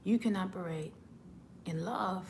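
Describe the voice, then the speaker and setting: A woman's voice: fairly low pitch, a little slow, vocal fry, a little hiss or hum. A woman, a singer, giving an earnest motivational talk, often repeating words as she starts a thought.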